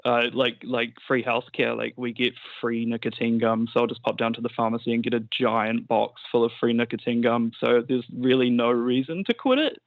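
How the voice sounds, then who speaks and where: A man's voice: mid-range voice, a little fast, few pauses, no echo. A man with a broad New Zealand accent chatting casually and laid-back as a phone-in caller, with plenty of slang and swearing. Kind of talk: casual chat. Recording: tinny, narrow phone-line sound.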